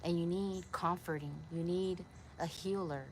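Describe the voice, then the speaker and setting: A woman's voice: on the low side, steady tone, unhurried, a little mellow, slight background noise. A young woman from Puerto Rico talking to a camera set nearby in her backyard, earnest and a little preachy as she rambles. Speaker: vlogger. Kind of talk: casual talk to camera. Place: backyard outdoors.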